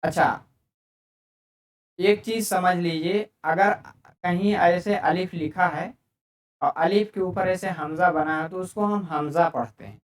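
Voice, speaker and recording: A man's voice: high voice, a little slow, long pauses, distant mic. A man teaching an online grammar lesson, explaining patiently and repeating each term in several languages. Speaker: Arabic teacher. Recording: echoey room, speaker away from mic.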